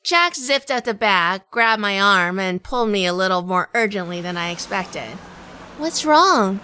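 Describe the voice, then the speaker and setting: A woman acts a tough, wary noir heroine recounting her own crime story in an audio drama, delivering scripted narration with hard-boiled self-possession and a sharp mood. Her medium-pitched voice is bright, very clear, expressive and unhurried, recorded close and dry with no room sound.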